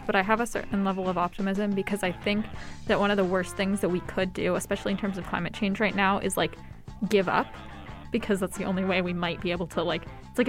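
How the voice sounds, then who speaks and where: Earnest teenage girl, lots of fillers. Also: mid-range voice. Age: teens. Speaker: high school student interviewee. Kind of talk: casual interview.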